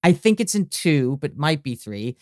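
A man's voice: a little high, sing-song, normal speed, darkish tone, no echo, studio quality. A man hosting a group discussion, enthusiastic and asking open questions of his guests. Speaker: host.

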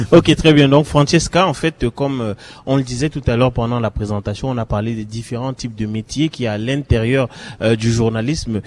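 A young man from Cameroon, a radio journalist, moderating a live round-table and calling on students by name in an animated way. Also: mid-range voice, brisk.

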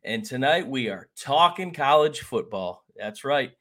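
A man's voice: mid-range voice, lively intonation, measured pace, fairly bright tone. A man hosting a sports podcast in a folksy, rambling way, with many fillers and restarts. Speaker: podcast host. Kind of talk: casual sports podcast chat.

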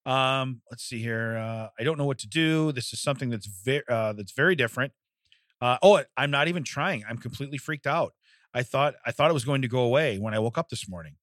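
In his forties, this man co-hosts a comedy podcast, chatting casually and reading odd news stories with rambling, jokey asides. His medium-pitched voice is brisk and a bit bright. The studio recording is clean, with no room sound.

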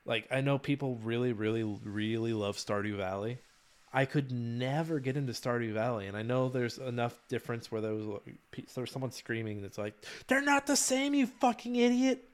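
A man's voice: mid-range voice, brisk, clean tone. A man co-hosting a gaming podcast in a loose, casual way. He talks animatedly, swears freely and often breaks into laughter. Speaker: podcast co-host. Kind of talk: casual chat.

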